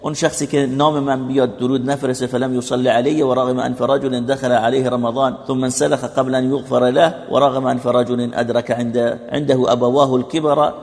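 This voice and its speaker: A man preaching a sermon with impassioned delivery, rising to loud pleading peaks and dropping low, reciting Arabic verses slowly before explaining them. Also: flat delivery, gravelly. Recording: long hall reverb.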